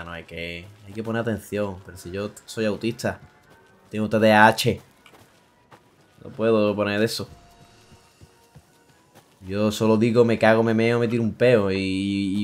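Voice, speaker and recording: A man from Spain streaming a game, joking crudely, swearing and chanting a vulgar singsong rhyme. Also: sits low. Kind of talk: casual gameplay commentary.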